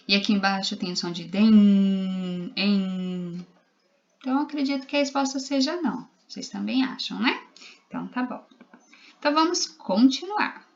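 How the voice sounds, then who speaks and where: A woman's voice: mid-range voice, lo-fi sound. A woman primary school teacher with a Brazilian Portuguese accent, giving a recorded literacy lesson to young children, spelling out letters and syllables patiently.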